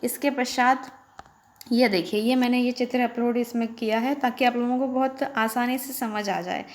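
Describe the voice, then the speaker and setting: A woman teaching an online Sanskrit lesson, reciting the sutras slowly and drawn out and explaining them patiently. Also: a little high, fairly even intonation. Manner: explains patiently, often checking with "theek hai".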